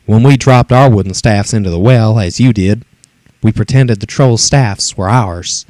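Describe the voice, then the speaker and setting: A man's voice: measured pace, a little mellow, no room sound, close to an everyday voice. A man doing a subdued, ashamed young man. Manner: low, subdued. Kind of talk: storybook read-aloud.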